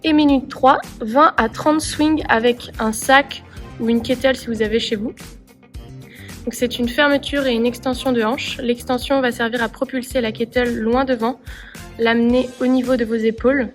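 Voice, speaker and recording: A woman clearly explaining workout exercises step by step as a coach. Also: fairly high pitch, steady tone, moderate pace, soft background music. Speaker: CrossFit coach. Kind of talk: workout instruction.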